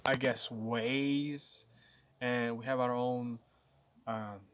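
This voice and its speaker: A man's voice: mid-range voice, steady tone, drawn-out words, fairly bright tone, slight background noise. A nineteen-year-old man vlogging to his viewers, rambling and restarting often as he thinks aloud. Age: late teens. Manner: rambling, with many restarts and stammers. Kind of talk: casual talk to camera.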